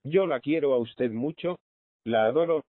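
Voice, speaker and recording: A man's voice: medium pitch, moderate pace, no echo, lightly acted. A man reading a pleading orphan girl. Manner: pleading, distraught. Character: poor orphan girl, humble and anguished. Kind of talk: audiobook reading. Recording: thin phone-like lo-fi sound.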